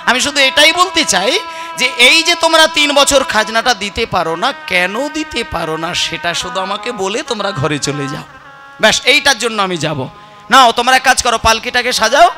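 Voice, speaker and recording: A man with a Bengali accent telling a devotional story in kirtan style, acting out the characters and breaking into chanted song. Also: very high voice. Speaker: kirtan singer. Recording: with musical accompaniment.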